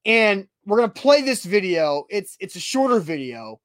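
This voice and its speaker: A man's voice: high-pitched, big pitch swings, normal speed, fairly bright tone, no echo, studio quality. A man hosting a casual sports talk podcast, blunt and repeating himself when worked up. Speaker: podcast host.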